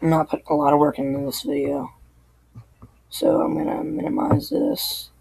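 A sick, hoarse tech tutorial host talking through a screen recording in a halting, apologetic way. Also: mid-range voice, big pitch swings, a little mellow, dry recording, in a whisper, poor audio. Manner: halting, apologetic, loses train of thought.

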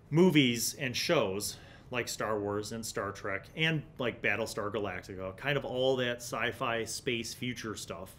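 A middle-aged man hosts an old-gaming content series, giving a casual, nostalgic review in conversational vlog-style commentary with a fairly bright tone. He records in a small indoor studio room on a desktop condenser microphone. Background noise and a low rumble are clearly audible.

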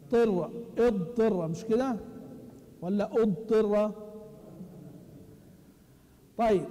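A man teaching a recitation lesson, quizzing his students and chanting verses slowly. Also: high voice, warm tone. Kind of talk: classroom lesson explaining a text. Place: large mosque hall. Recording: long hall reverb.

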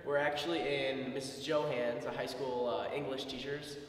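A man's voice: mid-range voice, little pitch movement, normal speed. A young man casually introducing a school construction update and asking questions, recorded in a bare, empty classroom. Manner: casual, friendly prompting questions. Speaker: video host asking questions. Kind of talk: casual walkthrough interview. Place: large empty classroom under construction, indoors. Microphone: camera mic from a distance. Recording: echoey bare room, mic far off, background noise.

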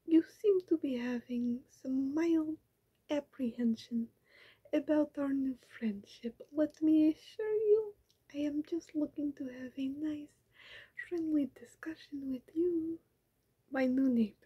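In a small bedroom with a pink backdrop, close to her webcam, a young woman makes ASMR as a scheming female vampire in silly disguises. Her whisper is soft, high and a little slow, with a muffled recording, as she pleads wheedlingly in broken, formal English.

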